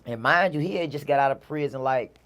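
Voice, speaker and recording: A man from Mississippi with a Southern accent tells stories casually as an interview guest, his voice high-ish, brisk and slightly bright. His talk is slangy and repetitive, with "you know" cropping up again and again.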